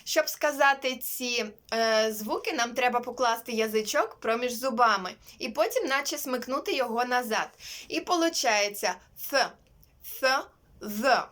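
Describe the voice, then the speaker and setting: A young woman teaching English to young children, modelling each sound clearly, asking them to repeat and praising them warmly. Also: fairly high pitch, normal speed. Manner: warm praise and diminutives for children. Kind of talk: online primary-school lesson.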